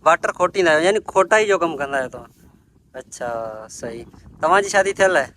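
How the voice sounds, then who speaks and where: Outdoors in village farmland in Sindh, Pakistan, a male vlogger interviews workers, asking short questions and repeating each answer before turning to the camera. His voice is a little high, expressive and fairly bright, and he talks fairly quickly. There is a bit of hiss or hum in the audio.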